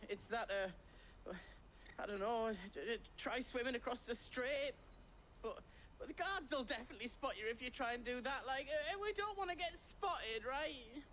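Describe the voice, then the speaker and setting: A man's voice: extremely high pitch, normal speed, bright, forceful tone, a little hiss or hum. An actor playing a chatty, jittery young street man in a video game, stammering and rambling as he talks. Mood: hesitant.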